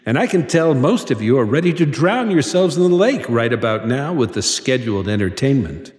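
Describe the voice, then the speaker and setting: A man's voice: medium pitch, very animated, a little fast, darkish tone, roomy sound, long reverb tail, lightly acted. A man voicing a cocky young male dance instructor who addresses a crowd with swaggering, crude, rambling asides.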